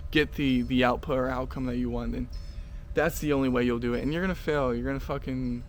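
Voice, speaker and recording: Young male vlogger, mid pitch, rambling and profane, light background noise. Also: fairly even intonation, brisk. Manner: rambling, lots of fillers and restarts, swears. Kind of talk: casual motivational monologue to camera.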